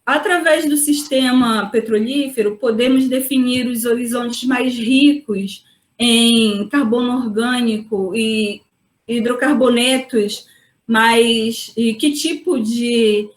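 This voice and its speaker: A woman's voice: on the high side, reverberant. A woman geologist giving a webinar lecture, explaining step by step and checking in with tag questions. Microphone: video call.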